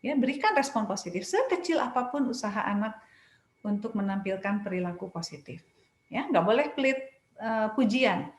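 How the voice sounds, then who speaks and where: A woman's voice: medium pitch, expressive, normal speed. A woman child psychologist giving parenting advice, patiently explaining step by step with everyday examples. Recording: roomy echo.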